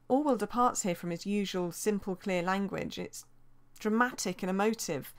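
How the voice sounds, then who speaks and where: This is a woman teacher's revision voice-over, delivered steadily and explanatorily. Quotations are read out between points, and her pitch sits in a woman's middle range.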